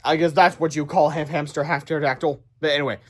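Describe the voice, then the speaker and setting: A man with a fairly high voice reads a children's book aloud at a quick clip, playing the animated storyteller. He tosses in casual asides and trips over some words.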